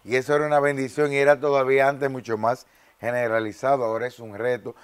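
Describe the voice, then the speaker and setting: A man's voice: mid-range voice, level tone, fast talker, clear, resonant tone. A young man hosting a faith interview show in a TV studio, on a lapel mic, affirming and preaching in asides. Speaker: host. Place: TV studio set.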